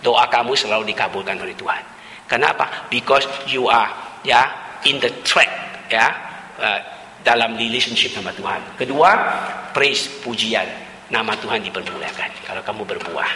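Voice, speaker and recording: A man's voice: fairly low pitch, moderate pace, sharp tone, slight background noise. A male pastor preaching a sermon, slipping English words into his talk and repeating key terms. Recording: echoey hall with long reverb.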